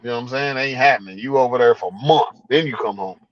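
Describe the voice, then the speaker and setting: A man's voice: medium pitch, quick pace, highs cut off. A man hosting a casual car chat, laid-back and drawn out, repeating his phrases. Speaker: host.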